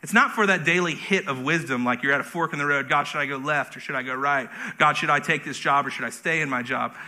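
A man's voice: on the high side, quick pace, sharp tone. A man preaching a conversational sermon as pastor, with self-deprecating humor.

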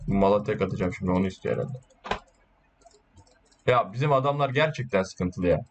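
A man giving casual, excitable gameplay commentary, boasting and swearing while urging his teammates on. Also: deep voice, brisk, highs cut off, a little hiss or hum. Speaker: gaming YouTuber.

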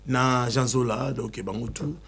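A man talking excitedly in a casual chat, switching between Lingala and French. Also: medium pitch, a little slow, vocal fry, husky.

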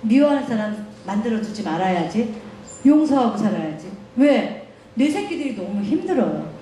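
A woman's voice: fairly high pitch, moderate pace, slight background noise. A middle-aged woman giving a guest lecture, telling family stories with lots of laughter. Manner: animated storytelling, laughing often. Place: lecture hall. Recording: echoey lecture room.

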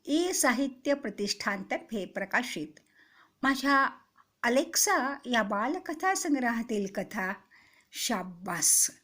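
An older woman, the author, slowly reading her children's story aloud and giving the characters gentle acted voices. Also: fairly high pitch, animated.

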